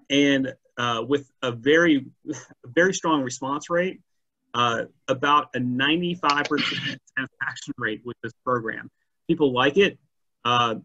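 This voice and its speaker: A man's voice: medium pitch, pushed and bright, lo-fi sound. A man presenting at a scouting leaders' expo, talking loosely with frequent "uh" fillers and restarts. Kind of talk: conference presentation. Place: indoor expo session.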